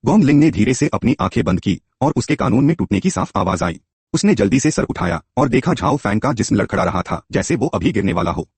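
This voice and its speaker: A man's voice: fairly low pitch, very animated, brisk, slightly rough, no room sound. A man narrating a story in a scripted telling and voicing its characters himself.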